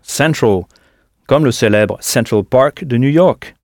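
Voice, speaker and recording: A man's voice: mid-range voice, measured pace, a little mellow, no echo, studio quality. A man teaching a scripted audio language lesson, patient and didactic, prompting the listener to answer.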